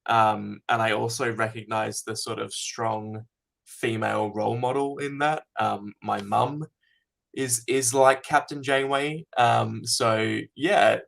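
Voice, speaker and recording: A man's voice: mid-range voice, fairly even intonation, slow pace, creaky, fairly bright tone. A man, a fan filmmaker being interviewed, talking casually and thoughtfully with many ums.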